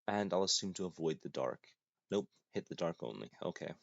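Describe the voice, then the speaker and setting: A man's voice: deep voice, animated, fairly quick, creaky, no echo. A young man giving casual gameplay commentary, muttering to himself and joking at his own expense in a dry, self-mocking way. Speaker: gaming YouTuber. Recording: dull lo-fi, dry.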